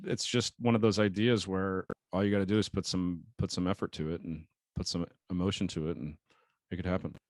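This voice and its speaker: An American man, a sailor guest on a podcast, telling stories in an animated, casual way with laughs and the odd swear word. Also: sits low, fairly quick, no room sound. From United States. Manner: animated storyteller, laughs often, relaxed swearing. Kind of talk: casual chat.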